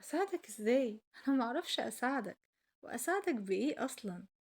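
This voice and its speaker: A woman's voice: fairly high pitch, big pitch swings, fast talker, a little mellow. A woman with an Egyptian Arabic accent voicing a curious, eager little girl heroine in a storybook tale. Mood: puzzled, curious. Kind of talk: storybook character acting.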